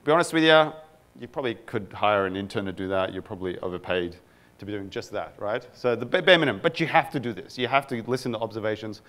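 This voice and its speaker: A man's voice: fairly low pitch, animated, fast, a bit bright. A man from Egypt, a product manager, giving a casual conference talk to a live audience, with many fillers and self-deprecating asides.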